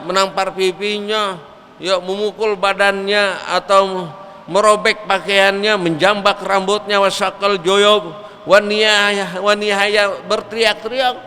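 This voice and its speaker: A male preacher giving a lively, colloquial sermon in a mosque. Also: high-pitched, clean tone. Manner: lively storytelling, colloquial asides. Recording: echoey mosque hall.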